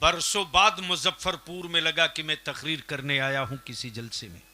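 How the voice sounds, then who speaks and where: A man preaching a fiery sermon at a public gathering, asking the crowd questions and swinging up to shouting. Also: a little high, normal speed. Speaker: Islamic preacher. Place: outdoor religious gathering.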